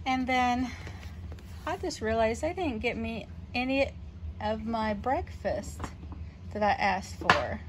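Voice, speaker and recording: A woman showing off her groceries in a casual home vlog, chatty and unhurried, with frequent ums. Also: fairly high pitch, animated, noisy background. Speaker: vlogger, mother. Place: home kitchen.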